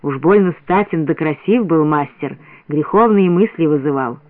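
A man narrating a story as a scripted radio reading in a steady storytelling manner. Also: a little high, normal speed, no room sound. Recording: dry, narrow radio sound.

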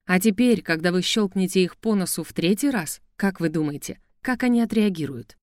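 A woman's voice: fairly low pitch, a little fast, darkish tone, no echo, clean studio sound, natural voice. A woman voicing a cautious male adviser who lectures and warns in an audiobook. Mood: warning.

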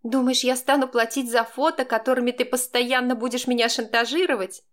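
A woman voicing a frightened, furious young woman who is cornered, speaking in shrill, hysterical bursts. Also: normal speed, lightly acted. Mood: distraught.

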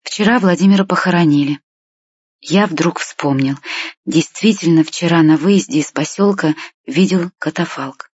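A woman narrates a first-person story in a calm, measured reading. Her voice is low and husky. The recording is dry and slightly muffled. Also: no room sound. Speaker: audiobook reader.

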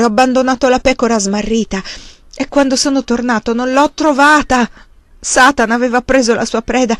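A woman reading a novel aloud in a measured, dramatic way. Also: on the high side, no echo. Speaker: audiobook reader. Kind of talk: literary narration.

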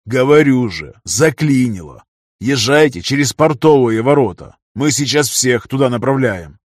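A man's voice: medium pitch, animated, measured pace, dry recording, studio quality. A man doing a lazy insolent gate guard. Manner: lazy, offhand.

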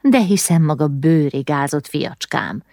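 A woman's voice: deep voice, animated, vocal fry, warm tone, dry recording, clean studio sound. Woman voicing an old female cook, fussing, grumbling, motherly, storybook.

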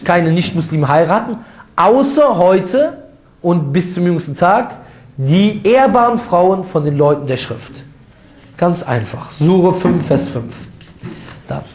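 A man's voice: fairly high pitch, darkish tone, reverberant. A man giving an informal religious lecture as an Islamic preacher, talking colloquially and emphatically, with rhetorical questions and mocking asides.

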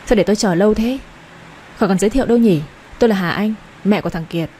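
A woman's voice: medium pitch, quick pace, warm tone, a little hiss or hum, lightly acted. A woman voicing a stern, domineering older mother who talks curtly and gives orders. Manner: curt, commanding, impatient.

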